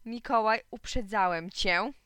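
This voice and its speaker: A woman's voice: medium pitch, normal speed, a bit bright, clear, resonant tone, dry recording, clean studio sound, natural voice. A woman reading a grumbling, impatient dad. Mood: irritated. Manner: exasperated, snappish. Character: grumbling middle-aged father, impatient. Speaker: reader. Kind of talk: audiobook reading.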